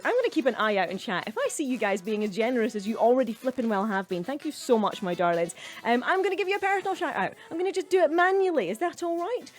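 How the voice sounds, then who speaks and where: Woman, cabaret host, chatty livestream, fairly high voice, gushing thanks, faint music behind. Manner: effusive, thanking viewers as darling and sweetheart. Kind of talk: casual livestream chat.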